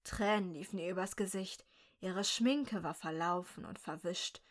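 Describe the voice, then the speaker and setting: A woman reading a dark first-person story aloud in a slow, measured, quietly tense way. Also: on the low side.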